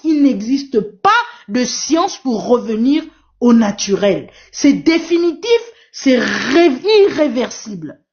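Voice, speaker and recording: Speaking in a high, slightly mellow voice, a Portuguese-native woman moderates a live panel and presses her listeners with emphatic, repeated appeals. She is a live stream moderator and activist giving an impassioned talk, captured in dull, lo-fi live stream sound.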